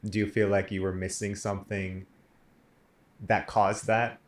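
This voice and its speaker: Laughing low-voiced young man. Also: unhurried. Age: young adult. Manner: laughs often, animated storytelling. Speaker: podcast host. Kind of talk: casual interview chat. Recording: echoey room.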